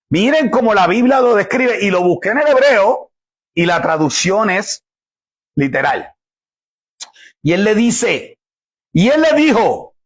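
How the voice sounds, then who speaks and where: Guy preaching a sermon, high voice kinda husky, emphatic, keeps restarting words.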